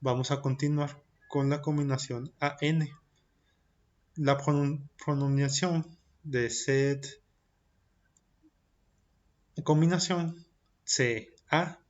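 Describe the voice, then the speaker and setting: Slow, measured male French teacher. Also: a little high, steady tone, muffled recording. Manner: says each point in French, then repeats it in Spanish; slow and deliberate, drilling pronunciation. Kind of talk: recorded primary-school language lesson.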